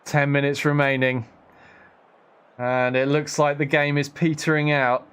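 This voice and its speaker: A man commentating live on his football management game, excitable and self-mocking with sarcastic asides. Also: medium pitch, clear, resonant tone.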